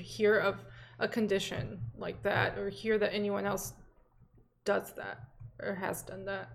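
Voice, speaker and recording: A woman's voice: mid-range voice, gravelly, slight background noise. A young woman co-hosting a casual podcast, speaking candidly and hesitantly, with lots of filler words. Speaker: podcast co-host. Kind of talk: casual chat.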